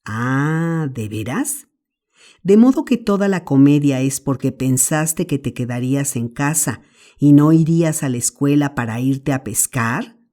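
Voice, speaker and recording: A woman's voice: a bass voice, lively intonation, measured pace, mellow. A woman voicing an elderly aunt who scolds and fusses over a boy, in an audiobook. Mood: scolding. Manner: scolding, flustered. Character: fussing elderly aunt, loving but stern.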